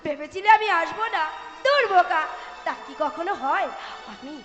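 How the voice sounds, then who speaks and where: A very high-voiced rustic wife. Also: female voice, expressive, moderate pace, fairly bright tone. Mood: teasing, chatty. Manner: chattering, familiar, teasing. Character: chatty, teasing rustic wife scolding her husband. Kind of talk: Bengali jatra stage acting. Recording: echoey hall, music clearly behind.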